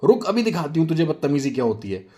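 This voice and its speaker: A man voicing a loud, rude and boastful woman who scolds and taunts everyone in a storybook tale. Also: a little high, big pitch swings, fast talker, pitched above the performer's own voice. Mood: scolding.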